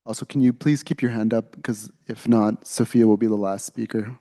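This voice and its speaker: A man chairing a student council meeting, calling speakers in a relaxed, procedural way. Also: lowish voice, normal speed.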